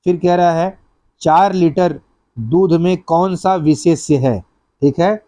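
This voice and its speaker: A man's voice: fairly high pitch, slow, warm tone, no room sound. A man teaching an exam-prep class, going through practice questions step by step and repeating each answer.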